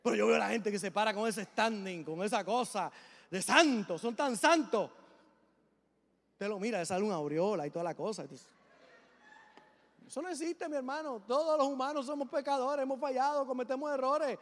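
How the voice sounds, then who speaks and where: A man's voice: extremely high pitch, expressive, normal speed. A middle-aged man, a pastor, preaching a sermon with emphatic delivery and joking asides. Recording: long reverb of a large hall.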